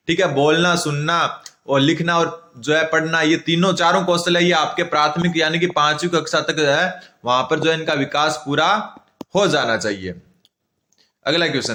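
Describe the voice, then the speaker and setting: A man's voice: on the high side, sharp tone. A man with a Rajasthani Hindi accent teaching an exam-prep lecture, repeating and drilling the key answers. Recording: echoey room.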